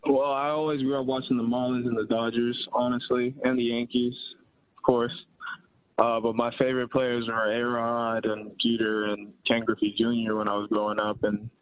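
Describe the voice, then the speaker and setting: A young man from the Bahamas, a baseball player, answering interview questions in a relaxed, laid-back way. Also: mid-range voice, no echo. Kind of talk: casual interview. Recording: tinny phone line.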